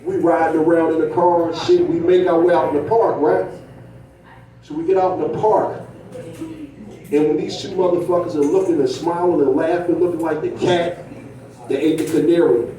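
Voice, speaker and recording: A man's voice: fairly high pitch, steady tone, moderate pace, mellow. A male stand-up comedian telling a profane story to a club crowd, tagging his lines with "right?". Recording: echoey room, mic from a distance.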